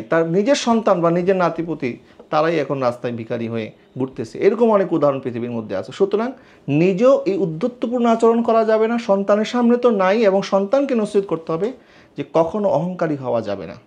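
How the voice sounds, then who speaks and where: A man's voice: sits high, animated, brisk, darkish tone. A man preaching an Islamic sermon in an earnest, admonishing way, asking rhetorical questions. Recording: dull lo-fi recording.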